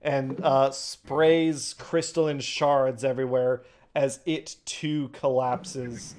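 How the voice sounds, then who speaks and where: A man's voice: mid-range voice, level tone, takes it slowly, darkish tone. A man narrating a tabletop role-playing game as game master, improvising and chatting casually.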